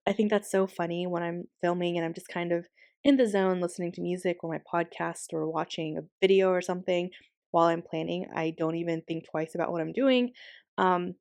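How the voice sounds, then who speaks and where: Speaking briskly in a lowish, darkish voice with fairly even intonation, a young woman narrates her planner channel from her bedroom. She's slightly hoarse from losing her voice and rambles chattily with lots of ums and likes, and the recording is dry.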